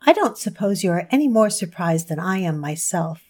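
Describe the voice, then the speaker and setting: A woman's voice: lowish voice, lively intonation, darkish tone. Woman playing a stern, fair spinster. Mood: calm. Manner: firm, measured.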